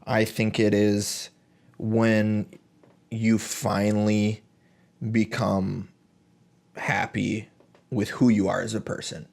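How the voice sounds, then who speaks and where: A man with a low, gravelly voice co-hosts a casual podcast. He speaks in a flat, even tone, reflective and halting, full of ums and restarts. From United States. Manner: reflective, halting with many fillers. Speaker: podcast co-host. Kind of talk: casual chat.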